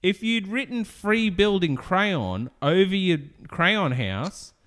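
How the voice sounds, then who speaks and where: A man's voice: high-pitched, lively intonation, slow, a bit bright. A man co-hosting a podcast in casual chat, dryly teasing and mimicking the people he talks about. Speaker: podcast co-host. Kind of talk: casual banter reviewing a TV show.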